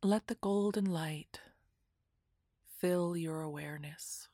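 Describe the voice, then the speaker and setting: A woman guiding a relaxation meditation in a soft, half-whispered, soothing voice. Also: on the low side, slow pace, no room sound, studio quality. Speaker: meditation guide.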